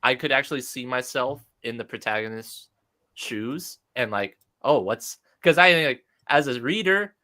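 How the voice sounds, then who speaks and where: A man co-hosting a livestream, chatting loosely and excitably, breaking into laughs. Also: medium pitch, normal speed. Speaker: co-host. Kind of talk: casual livestream chat.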